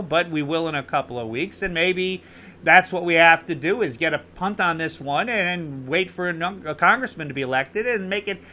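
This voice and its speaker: This show host, a man with a Connecticut accent, runs a live call-in program and keeps urging viewers to phone in, repeating the number. His voice is fairly high, pushed and bright.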